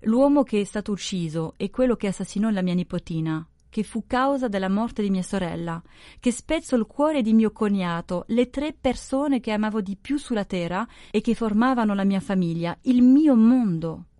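A woman's voice: mid-range voice, animated, normal speed, warm tone, no echo, natural voice. A woman voicing a dignified young noblewoman whose rich-toned speech turns cutting and incisive, read close and dry. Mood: tense. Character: dignified young noblewoman, composed yet intense. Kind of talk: audiobook dialogue reading.

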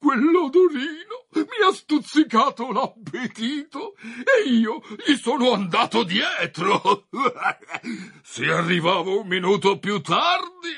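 An actor voicing a kindly, hungry dog in a radio drama, raspy and chuckling as he talks. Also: extremely high pitch, very animated, slow pace, bright, forceful tone, heavily acted. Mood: good-natured.

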